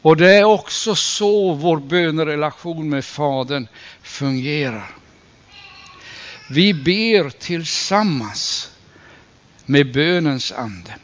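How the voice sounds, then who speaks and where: Earnest preacher man, slightly high voice. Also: animated. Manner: earnest, slows and stresses key phrases, rises when quoting scripture. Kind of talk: sermon. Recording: dull lo-fi recording.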